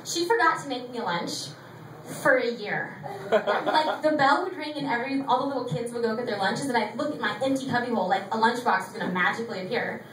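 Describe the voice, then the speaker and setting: A woman's voice: on the high side, fairly quick. A thirty-year-old woman doing a confessional, self-mocking stand-up set, cursing freely. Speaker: stand-up comedian. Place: small theatre stage with audience laughter. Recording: echoey room recorded from a distance, noisy.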